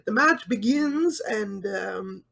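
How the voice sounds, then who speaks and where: A woman's voice: medium pitch, animated, slow, vocal fry, a bit bright. A woman co-hosting a casual wrestling review podcast, talking loosely with lots of laughs, fillers and swearing. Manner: laughs often, loose and profane, many fillers. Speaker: podcast co-host.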